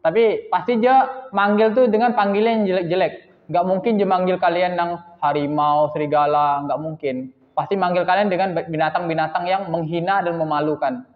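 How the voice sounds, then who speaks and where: A man's voice: high-pitched, steady tone, normal speed. A man teaching a religious lesson to students, scolding and asking rhetorical questions, acting out little dialogues. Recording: echoey hall, dull lo-fi sound.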